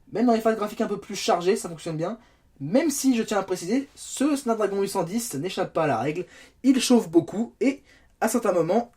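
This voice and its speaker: A man's voice: on the high side, a little mellow, husky. Chatty French tech reviewer, a man. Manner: chatty, self-mocking asides. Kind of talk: casual game-testing commentary. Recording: faint background noise.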